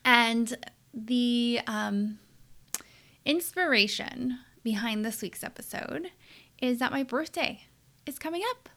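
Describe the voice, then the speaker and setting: On her solo podcast, a 30-something host who works as a leadership coach speaks slowly into a studio mic, leaving long pauses. Her fairly high voice is a bit bright, and her manner is candid and conversational.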